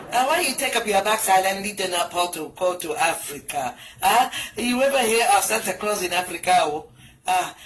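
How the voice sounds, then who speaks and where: Talking in a medium-pitched, fairly bright voice with a little hiss or hum behind it, a middle-aged British Jamaican woman does a ribald comedy phone call laced with patois. She's in a small room indoors, picked up close by a phone camera and wired earphones.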